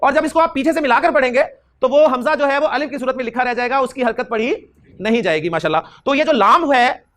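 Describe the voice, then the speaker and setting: High-voiced grammar teacher. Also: male voice, fairly bright tone. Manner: questions students and drills answers back; repeats key terms slowly for emphasis. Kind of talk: classroom lecture.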